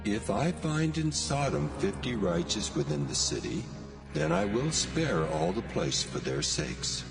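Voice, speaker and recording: A man's voice: mid-range voice, huge pitch swings, unhurried, gravelly, heavily acted. A man voicing God as a grave, majestic, commanding figure in a dramatized scripture reading. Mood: solemn, merciful. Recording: long cavernous reverb, loud music behind. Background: music.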